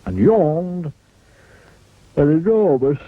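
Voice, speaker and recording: A man's voice: a little high, expressive, breathy edge, no echo. A man reading a children's storybook aloud in a playful way, stretching out words for emphasis. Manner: playful, swooping, drawn-out emphasis. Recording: slightly muffled, faint music behind.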